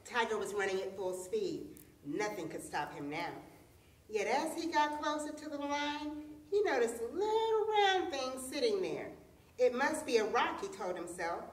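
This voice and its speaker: A woman storyteller telling an animal folktale in an expressive, dramatic way. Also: fairly high pitch, moderate pace. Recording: echoey room, distant mic.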